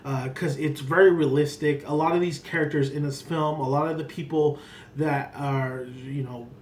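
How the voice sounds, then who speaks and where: Higher-voiced man reviewing films, noisy background. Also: steady tone, moderate pace, darkish tone. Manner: rambling, emphatic, repeats himself. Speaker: film reviewer. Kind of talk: casual unscripted film review. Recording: clearly noisy background ambience.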